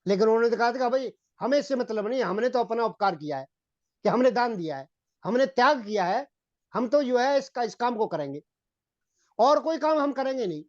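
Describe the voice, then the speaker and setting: A man giving a Hindi-accented sermon on Vedic philosophy, repeating phrases and often addressing his listeners as gentlemen. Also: extremely high pitch, expressive, fairly quick, dry recording. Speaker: Vedic preacher. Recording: dull, dry lo-fi recording.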